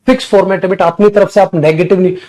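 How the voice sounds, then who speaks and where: A man's voice: fairly even intonation, quick pace. A man teaching an English grammar class, addressing his students fondly as children and pushing each point with stress. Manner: addresses students as beta, coaxing and emphatic; jumps higher and louder to stress points. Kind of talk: coaching class lecture.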